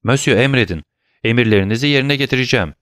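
A man's voice: mid-range voice, rapid-fire, a bit bright, no echo, clean studio sound, pitched above the performer's own voice, lightly acted. A man voicing an earnest, anxious young male sailor being questioned, speaking in a pleading, eager-to-please way.

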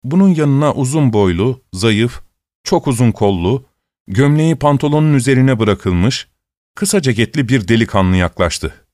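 A man narrating a story in a steady, measured reading voice. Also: medium pitch, no echo, clean studio sound.

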